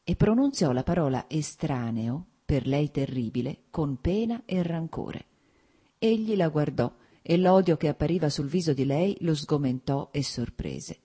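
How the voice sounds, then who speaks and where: Low, dark-voiced woman narrator. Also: expressive, husky. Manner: measured, dramatic storytelling. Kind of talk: audiobook reading of a novel.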